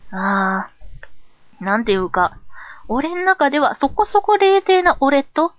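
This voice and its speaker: A woman's voice: high-pitched, big pitch swings, slow pace, no room sound, highs cut off, voice pushed up, full character voice. Woman doing a blunt, tomboyish teaser. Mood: musing. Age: 20s. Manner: curt, teasing, uses boyish speech. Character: blunt cool tomboyish alter ego.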